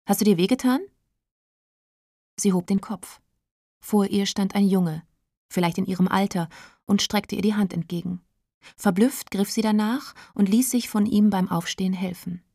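Female audiobook narrator, calm storyteller, mellow and dry. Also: mid-range voice, normal speed, creaky, no room sound. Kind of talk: audiobook reading.

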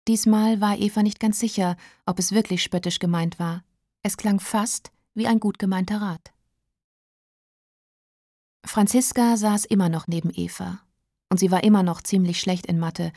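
Calm woman reading a novel aloud. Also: mid-range voice, no echo, clean studio sound. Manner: calm, measured storytelling. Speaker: narrator.

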